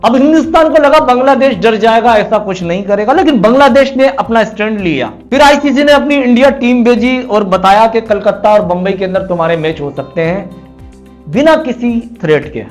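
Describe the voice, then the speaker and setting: Man, very high pitch, mocking cricket commentator, opinion monologue, light background music. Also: animated, fairly quick. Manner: mocking, sarcastic.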